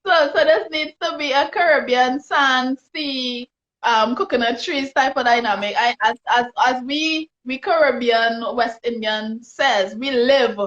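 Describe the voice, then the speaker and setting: Trini lady hosting a live chat, bit high voice, jokey, sound kinda dull and lo-fi. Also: a little slow, fairly bright tone. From Trinidad and Tobago. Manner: laughing, teasing. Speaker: interviewer blogger. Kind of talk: casual interview chat. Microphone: phone on a live video stream.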